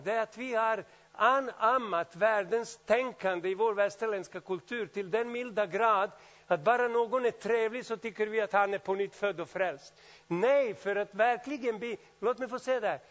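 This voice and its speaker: Male preacher, high voice, animated delivery, dull lo-fi recording. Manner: animated, swings from loud exclamations to quiet asides. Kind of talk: sermon.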